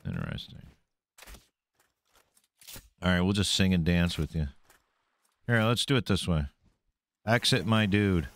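A man's voice: deep voice, sing-song, measured pace, vocal fry, pauses often. A man streaming a game live, commenting casually, swearing freely and taunting the enemies he fights.

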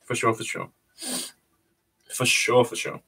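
A young New Zealander hosts a casual livestream from a small bare room, answering viewers via a webcam at desk distance. He's laid-back, chuckling and repeating phrases, in a mid-range voice that's gravelly, bright and forceful with a breathy edge and measured pace.

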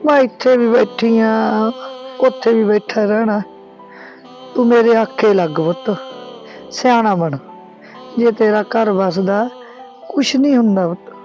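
An older woman playing a gentle, self-sacrificing old mother who speaks slowly and softly, soothing her son. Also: on the high side, muffled recording, soft background music, lightly acted. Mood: soothing, resigned. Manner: slow, soft-spoken, soothing.

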